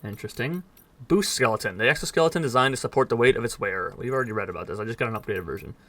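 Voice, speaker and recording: A man's voice: medium pitch, lively intonation, racing, a bit bright. A man reading in-game text aloud at speed, stumbling over words now and then and dropping dry asides. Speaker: gaming let's player.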